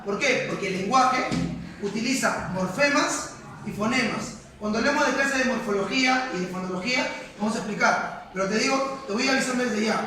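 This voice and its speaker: A man's voice: very high-pitched, pushed and bright. Male teacher, lecturing and quizzing a class; distant mic in a roomy classroom. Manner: questioning, repeats points for emphasis. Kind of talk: classroom lecture with questions to students. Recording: echoey classroom from far off, students audible.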